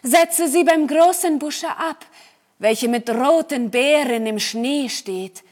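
A woman reading aloud and voicing a wise old Finnish healer woman in a storybook, calm and instructive. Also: high-pitched, slow pace.

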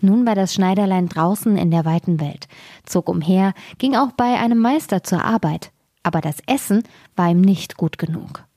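A woman reading a fairy tale aloud in a calm, measured way as storyteller. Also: mid-range voice, dry recording, studio quality.

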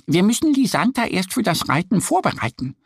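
A man voicing a little female duck, eager and bubbly, with a very high voice. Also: sing-song, a little fast, gravelly, husky, no room sound, studio quality, heavily acted.

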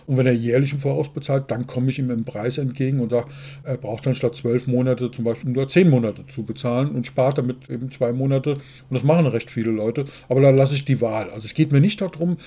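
A man's voice: mid-range voice, slightly rough. A man, a business consultant co-hosting a podcast, talking in a blunt, outspoken way. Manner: blunt, outspoken, animated storytelling. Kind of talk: casual podcast conversation.

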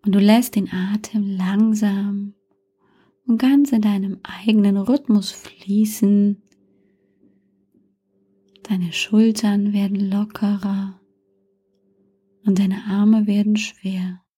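A woman narrating a guided meditation like a sleep story, softly and calmly, often near a whisper, with long pauses and gentle suggestions. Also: medium pitch, breathy edge. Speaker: guided relaxation instructor.

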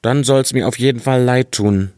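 A man's voice: mid-range voice, moderate pace, a little mellow, smooth, no echo, studio quality, voice pushed up, natural voice. A man voicing a simple-minded, fearless young farm lad in a fairy-tale audiobook, naive and earnest. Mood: protesting innocence.

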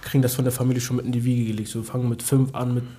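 A man's voice: medium pitch, level tone, rapid-fire, dark tone. A man, a wrestler as a guest in a casual chat, talking in street slang and addressing the others as brother. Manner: street slang, calls everyone "Bruder".

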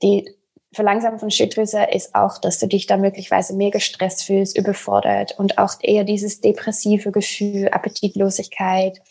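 Woman with German, gravelly and husky. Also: mid-range voice, completely flat delivery, darkish tone. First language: not German; speaks German as a second language. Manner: halting, searching for words, with non-native grammar. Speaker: health coach as podcast guest. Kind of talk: conversational explaining on a podcast.

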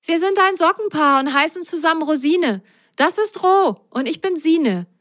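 A woman voicing a cheerful, polite little sock in a children's story, speaking in an excited, warm-hearted way. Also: very high voice, moderate pace, no room sound, clean studio sound, pitched above the performer's own voice.

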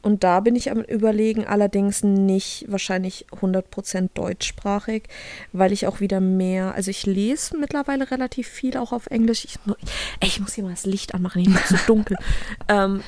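On the podcast she co-hosts, this young woman from Germany chats casually, laughing a lot and often trailing off before starting again. She has a mid-range, darkish voice at a moderate pace, recorded dry.

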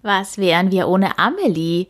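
A woman voicing a brisk, cheerful grandmother in a storybook, with a breathy voice. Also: mid-range voice, animated, lightly acted.

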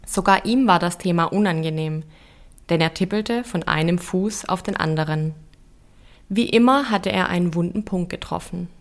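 A woman in her thirties narrating a reflective first-person story in a calm, measured, introspective way. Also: fairly low pitch.

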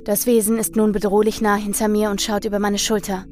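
Woman narrator for first-person horror, tense and dramatic, mid-pitched, quiet music underneath. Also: little pitch movement, fairly quick.

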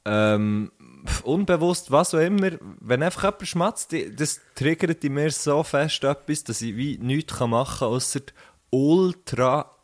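A man's voice: fairly high pitch, lively intonation, unhurried. A young man with a Swiss German accent, a teacher chatting casually and rambling with many restarts and swearwords. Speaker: podcast co-host, teacher. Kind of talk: casual chat.

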